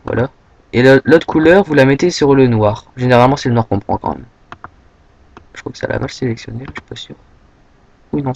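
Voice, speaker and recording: A young man from France giving a casual, rambling software tutorial, full of fillers and a habit of saying "hop" as he clicks. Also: mid-range voice, dull audio, a little hiss or hum. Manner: rambling, filler-heavy, says "hop" often. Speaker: tutorial maker.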